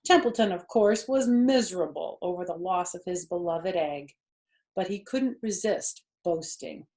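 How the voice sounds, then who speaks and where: A woman's voice: on the low side, expressive, a little slow, dark tone. A woman storyteller reading a children's book aloud expressively, with chatty asides to young listeners.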